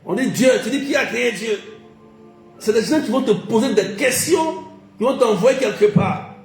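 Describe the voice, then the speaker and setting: A man with a high voice preaching a sermon, insistent and repetitive, often checking whether his listeners follow him. His words ring in an echoey room with soft music behind. He talks as a pastor to his congregation. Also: animated, moderate pace. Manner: emphatic, repetitive, asks the congregation questions.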